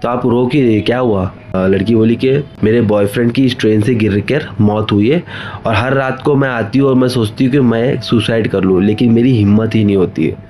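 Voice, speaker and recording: A man's voice: fairly low pitch, fairly quick, mellow, slight background noise. A man telling a horror story in a loose, conversational way, with repetition and restarts. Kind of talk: casual spoken horror narration.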